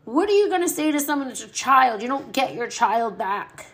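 A woman's voice: high-pitched, very animated, moderate pace, fairly bright tone. A middle-aged woman speaking openly about grief, blunt and mouthy, swearing freely, emotional and at times short of breath. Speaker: podcast host. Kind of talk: personal grief monologue.

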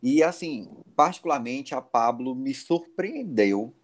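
A man co-hosting a podcast, explaining things in a measured casual chat. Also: medium pitch, animated. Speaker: podcast co-host.

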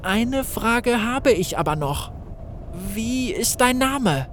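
A man's voice: very high voice, animated, takes it slowly, a bit bright, slight background noise, voice pushed up, heavily acted. A man voicing a frightened, desperate young man who speaks anxiously and pleadingly. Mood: hesitant.

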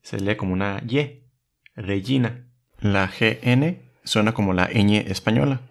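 A man, patiently teaching letter by letter in a calm lesson video. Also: fairly low pitch, normal speed. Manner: patient, methodical, spells out letters one by one. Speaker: religious teacher.

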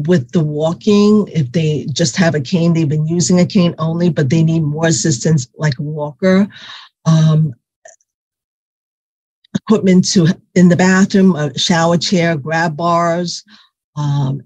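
A woman physical therapist, whose first language is Cantonese, answers interview questions haltingly with many fillers and restarts. Her voice is low-pitched and darkish, recorded with no room sound.

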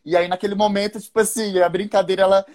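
A woman's voice: medium pitch, level tone, fast talker, a little mellow. A woman in a casual podcast conversation, talking thoughtfully and searching for her words.

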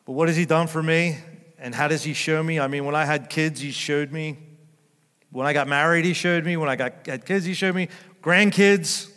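An older man preaching a sermon as pastor, chatting and joking with his congregation, then rising to loud emphatic peaks. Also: a little high, steady tone, normal speed, in a large hall. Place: church sanctuary.

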